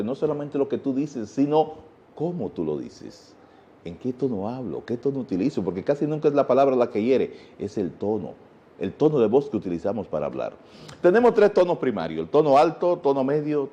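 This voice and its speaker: A Dominican man appears as a guest teacher in a TV interview, explaining things in a patient lecture full of rhetorical questions. His medium-pitched voice is mellow, dark, and expressive, a little fast, and the sound is dull and lo-fi.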